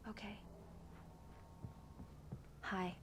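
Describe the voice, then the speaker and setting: A woman's voice: drawn-out words, fairly bright tone, slight background noise. An actress playing a playful, affectionate young wife who teases her husband. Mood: shaken. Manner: playful, teasing.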